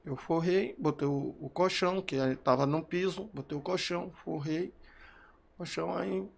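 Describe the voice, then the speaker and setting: A man, a grieving father, telling what happened in halting, repeated phrases while emotional. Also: a little high, creaky. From Brazil. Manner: halting, repeating phrases, voice rising when recalling shouts. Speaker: bereaved father interviewed. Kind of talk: emotional testimony.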